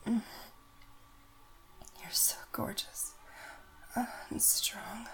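Softly and tenderly, a woman whispers through an intimate audio roleplay, coaxing and gentle, with music playing behind her. Her medium-pitched voice moves extremely slowly, and the audio quality is poor.

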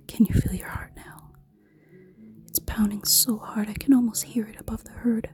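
A woman voicing a seductive, menacing female succubus in an erotic audio roleplay, in a slow, teasing, commanding whisper. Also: fairly high pitch, little pitch movement, lightly acted. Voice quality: soft, breathy whisper.

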